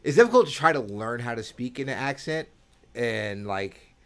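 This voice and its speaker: This podcast co-host is a man with a medium-pitched, animated voice at a moderate pace. His casual chat is hesitant, packed with fillers and restarts.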